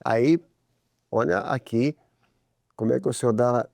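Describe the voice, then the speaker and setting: A man with a Brazilian Portuguese accent talks in a gravelly, creaky voice about faith and family. His tone is conversational, and he gets lively when he tells examples. The studio sound is dry and close, with no room echo. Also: mid-range voice, measured pace. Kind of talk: religious family talk.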